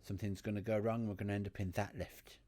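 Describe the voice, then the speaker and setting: A man's voice: fairly low pitch, flat delivery, fast talker, mellow. A man giving casual, joking commentary as he plays a game. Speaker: gamer commentating on a playthrough. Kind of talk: casual joking banter over gameplay.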